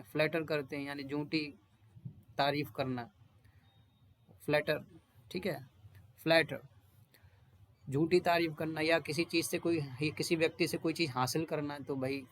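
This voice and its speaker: Higher-pitched man drilling English words. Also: a bit bright. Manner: repeats each word several times, reads English definitions slowly; homely, conversational asides to students. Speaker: English teacher. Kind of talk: explaining vocabulary and drilling pronunciation.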